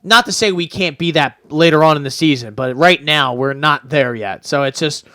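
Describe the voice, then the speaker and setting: Brief: young male co-host, slightly high, smooth clean voice, dry close mic, easygoing rambling sports chat. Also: normal speed, pushed and bright, no echo. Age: young adult. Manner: laid-back, rambling with fillers. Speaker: podcast co-host. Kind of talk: casual sports talk.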